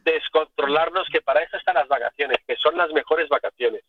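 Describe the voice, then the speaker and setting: A man from Catalonia comes through a muffled phone line that sounds dry and close, his voice a bit high. He talks in an expansive, enthusiastic way and piles on praise as he goes. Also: fairly quick, no room sound. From Catalonia, Spain. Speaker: radio guest, finance professional. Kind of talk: casual radio chat.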